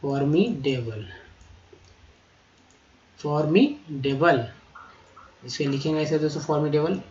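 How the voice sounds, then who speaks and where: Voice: medium pitch, expressive, slow, darkish tone, slight background noise. A teacher going through a vocabulary list, repeating each word and spelling out its letters. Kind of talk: vocabulary lesson. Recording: roomy echo, slightly dull lo-fi sound.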